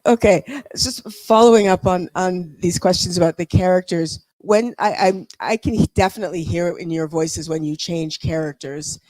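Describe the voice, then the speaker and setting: A woman in the audience asking a panel questions, halting and hesitant. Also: fairly low pitch, darkish tone, no room sound.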